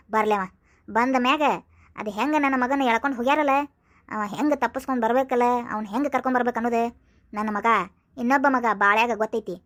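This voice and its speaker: A woman's voice: on the high side, fast, a bit bright, lightly acted. A rambling cartoon mother of two thieving sons, voiced by a woman. She speaks, fussing and prodding her listener with little "aa?" asides. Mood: fretting. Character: fussy middle-aged mother of thieving sons. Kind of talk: cartoon voice acting.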